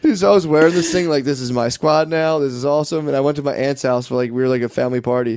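A man co-hosting a podcast, talking in an excitable, profane, laughing way. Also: medium pitch, very fast, dry recording. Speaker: podcast co-host. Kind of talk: casual chat.

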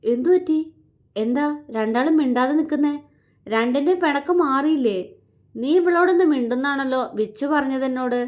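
A woman voicing a caring young man who comforts his beloved in a gentle, soothing way. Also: on the high side, normal speed, natural voice. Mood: puzzled.

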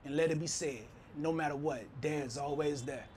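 A man in his thirties performing spoken word poetry in a steady, heartfelt, reflective way at a stand mic on a city rooftop. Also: fairly high pitch, moderate pace, slight background noise.

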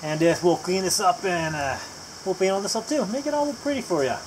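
Speaking a little fast in a high, sing-song voice, the host rambles through a casual video as he works on a vehicle at home, heavy on filler words and dry, self-mocking humor. Loud music plays over the low-quality recording, with crickets and insects chirping loudly behind.

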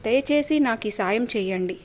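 A woman's voice: on the high side, expressive, normal speed, a little hiss or hum, close to an everyday voice. A woman voicing a frightened young bride who pleads to be sent home. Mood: pleading.

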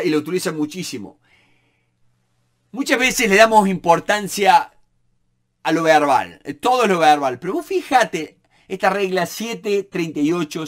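A man teaches negotiation to camera in a high, bright-sounding voice. He is animated, repeats words and leans on fillers as he explains. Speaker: negotiation instructor.

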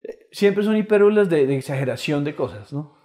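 A man's voice: fairly high pitch, lively intonation, fairly quick, warm tone. A middle-aged man with a Colombian Spanish accent chatting casually as a comedian guest on a podcast, with frequent restarts. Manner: chatty, stammering restarts, laughs often.

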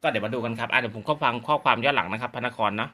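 A man's voice: mid-range voice, rapid-fire, bright, forceful tone. A man hosting a casual gadget demonstration, explaining politely with repetitive phrasing. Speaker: YouTube channel host.

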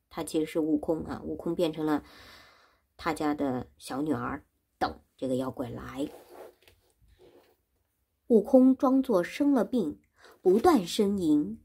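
A woman's voice: sits low, vocal fry, darkish tone, breathy edge. A woman teacher reading a classic story aloud and explaining it for learners, repeating and rephrasing things in simple words. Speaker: Chinese teacher.

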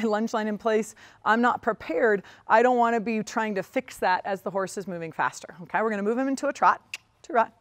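A fairly high-voiced woman gives a riding lesson as she lunges a horse in a ring. She speaks calmly and encouragingly, breaking off often to praise the horse. Her voice is close and dry. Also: no room sound. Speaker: riding instructor. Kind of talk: demonstration lesson while lunging a horse.

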